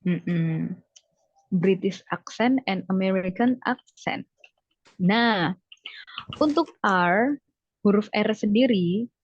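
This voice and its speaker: A woman teaches English one-on-one over a video call, speaking slowly and patiently. She mixes English words into her explanations and keeps encouraging her student. The call audio sounds muffled and dry. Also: mid-range voice, no room sound. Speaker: English tutor. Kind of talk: online one-on-one English lesson.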